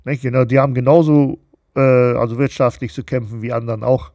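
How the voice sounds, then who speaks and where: A man's voice: mid-range voice, steady tone, fairly quick, dark tone, no echo. A middle-aged man co-hosting a casual chat podcast, talking loosely with lots of fillers and tag questions. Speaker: podcast co-host.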